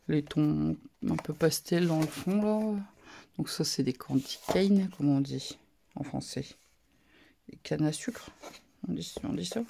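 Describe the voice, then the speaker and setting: A woman casually talking through a craft haul, soft-spoken and murmuring, her asides drifting into whispers. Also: sits low, vocal fry. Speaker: craft vlogger.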